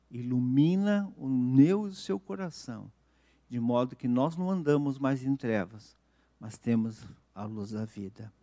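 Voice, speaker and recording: A man with a Brazilian Portuguese accent, a pastor preaching a sermon in an earnest way, slowing and softening to stress key points. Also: mid-range voice.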